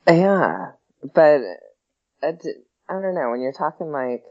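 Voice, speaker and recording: A man's voice: fairly high pitch, expressive, a little slow, darkish tone. A man co-hosting a podcast in casual sports banter. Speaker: podcast co-host. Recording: dull lo-fi podcast audio.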